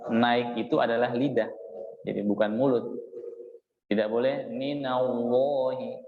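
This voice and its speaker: A man teaching Quran recitation. He explains each rule patiently, chants example words slowly, and keeps checking in with a short "ya". He is from Indonesia and speaks in a mosque hall. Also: on the low side, slight background noise. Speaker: Islamic teacher. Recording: echoey hall, dull lo-fi sound.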